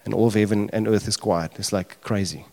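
A man's voice: fairly low pitch, fairly even intonation, brisk, creaky, warm tone. A man preaching a sermon with passion, building to emphatic cries as he retells the scene. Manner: passionate preaching, rising to emphatic cries when voicing prayers. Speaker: pastor. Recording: long reverb of a large hall.

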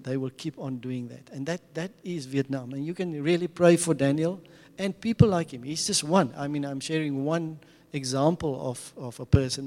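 Speaking to a church audience over slides, this Afrikaans-accented mission speaker from South Africa has a dark, medium-pitched voice and an earnest tone. He keeps starting over, repeating himself and laughing softly between ideas, all echoing with the long reverb of a big hall.

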